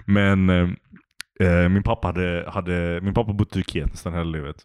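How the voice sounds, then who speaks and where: Podcast co-host, male, low voice, dry close mic, laid-back storyteller. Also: steady tone, a little mellow, clear, resonant tone, no room sound. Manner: laid-back, rambling, laughs often. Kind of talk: casual chat, storytelling.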